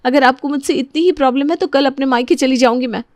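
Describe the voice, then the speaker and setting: A woman's voice: sits high, quick pace, no room sound, close to an everyday voice. A woman voicing a patient young daughter-in-law who speaks in a pleading tone. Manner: pleading, soft-spoken.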